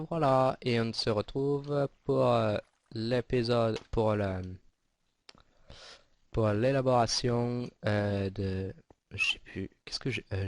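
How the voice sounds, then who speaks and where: A man giving casual, rambling commentary over his own gameplay, with many fillers and restarts. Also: on the low side. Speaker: gaming video host.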